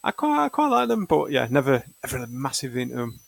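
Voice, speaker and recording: Guy chatting, halting and easygoing, dry close sound. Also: mid-range voice, wildly swooping pitch, gravelly, no room sound. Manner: laid-back, hesitant, self-deprecating. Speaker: podcast co-host. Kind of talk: casual chat.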